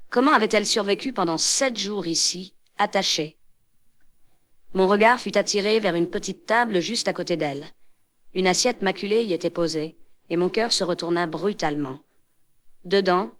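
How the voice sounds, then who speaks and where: A woman narrating a French horror story in a measured, dramatic scripted reading. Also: lowish voice.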